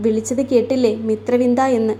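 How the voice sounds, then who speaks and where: A woman's voice: on the high side, little pitch movement, fairly quick, mellow, close to an everyday voice. A woman reading the part of a guilty young woman who insists on going home. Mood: tearful.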